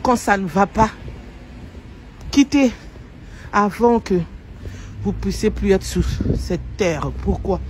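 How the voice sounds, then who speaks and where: A woman's voice: mid-range voice, takes it slowly, pauses often, slight background noise. A middle-aged woman from Congo-Brazzaville, giving an emotional personal commentary to her followers, earnest and repetitive, stumbling over words and apologizing. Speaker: social media commentator. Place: home in Paris.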